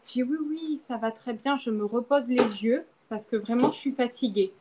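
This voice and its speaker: A young woman, a podcast guest, candidly recounting a personal story and acting out the quoted dialogue with lively swings in her voice. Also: moderate pace, slight background noise, low-quality recording. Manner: animated, acts out quoted dialogue with big pitch swings. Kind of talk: candid storytelling about childbirth.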